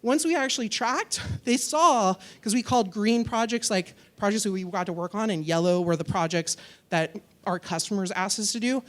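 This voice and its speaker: A woman speaking at a tech conference in a hall. Her delivery is casual and chatty, full of asides and little jokes for the audience. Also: medium pitch. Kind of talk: conference talk and Q&A.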